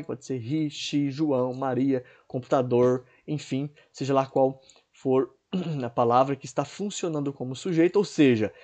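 A man teaches an online English grammar lesson step by step, often checking in with "right?" and repeating checks like "certo?" and "né?". His voice is on the high side and warm, and he clears his throat now and then.

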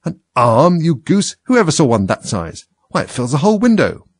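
Man acting a storybook rabbit, male, high raised voice, bossy, irate, scolding, imperious. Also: very animated, fast, breathy edge, dry recording, studio quality. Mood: angry, bossy. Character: angry, bossy fussy male rabbit master. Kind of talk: storybook character voice.

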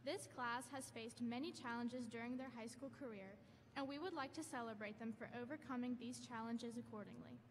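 A woman's voice: a little high, a little fast, a little hiss or hum. Young woman reading announcements, echoey gym. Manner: careful, formal reading. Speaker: student speaker at graduation. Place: large school gymnasium. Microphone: podium microphone through hall speakers.

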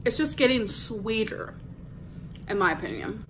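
Chatty woman vlogger, fairly high voice. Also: animated, a little slow, echoey room, noisy background. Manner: chatty, filler-heavy, confessional. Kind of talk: casual vlog chat.

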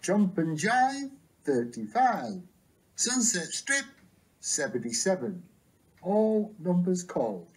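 A bingo caller announcing numbers with traditional rhymes, each rhyme followed by the number in a lower, falling tone. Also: very animated, takes it slowly, slightly rough.

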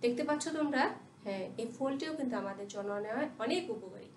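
A woman's voice: a little high, fast, darkish tone, slight background noise. A woman teaching a primary class, spelling English words letter by letter and asking her pupils questions she answers herself. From Bangladesh. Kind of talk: recorded classroom lesson. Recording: echoey room, voice from a distance.

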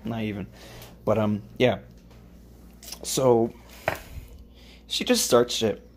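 A man's voice: fairly low pitch, steady tone, slow pace, background noise. A young man rambling crudely in a casual home vlog while he cooks in his kitchen, swearing often and mumbling offhand. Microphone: phone camera held and moved around.

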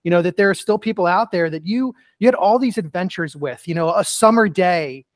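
A man's voice: high-pitched, a little fast, no room sound. A middle-aged man, a guest author and keynote speaker, telling earnest stories in a casual podcast interview, often saying "you know". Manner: earnest storytelling with many "you know" fillers.

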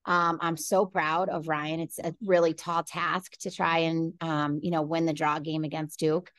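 A woman in her forties, a head coach, answering press questions over a video call from an office, measured and full of fillers and restarts. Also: low voice, level tone, fairly bright tone, no room sound. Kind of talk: postgame press conference answers. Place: indoor office with large window. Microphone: laptop webcam on video call.

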